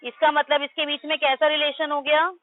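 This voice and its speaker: A woman's voice: sits high, little pitch movement, brisk, slight background noise. A woman teacher giving a math class in Hindi-English mix, firmly correcting her pupils' pronunciation and quizzing them. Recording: tinny phone-like line.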